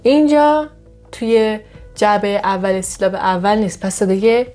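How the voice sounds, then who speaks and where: A woman's voice: medium pitch, animated, faint music behind. Patient woman teaching pronunciation. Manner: patient, explains with examples, pronounces model words slowly and brightly. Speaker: Korean language teacher. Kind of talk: step-by-step lesson narration.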